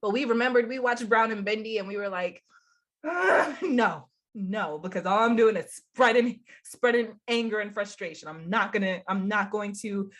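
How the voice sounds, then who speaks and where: A young adult woman with a mid-range, fairly bright voice and a congested sound talks a little fast, with fairly even intonation and hardly any pauses. She's a spiritual coach hosting her own channel, chatting casually to camera in an upbeat way and laughing often.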